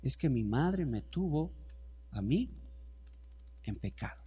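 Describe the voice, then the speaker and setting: A man preaches to his congregation in a high, lively voice whose pitch rises and falls widely. He moves from hushed, slow asides to loud, pressing stretches and calls on the listeners to repeat words after him. It is a pastor's sermon in front of a church congregation. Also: breathy edge. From Ecuador.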